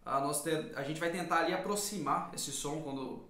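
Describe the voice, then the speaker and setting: A man from Brazil explaining language learning in a relaxed discussion. His voice sits slightly high for a man, with a roomy echo. He talks in a measured, thoughtful way, pausing on fillers. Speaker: English teacher and co-host. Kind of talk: casual lesson discussion.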